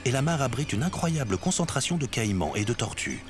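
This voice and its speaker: A man's voice: mid-range voice, big pitch swings, brisk. A man reading scripted nature documentary narration. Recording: music behind the voice.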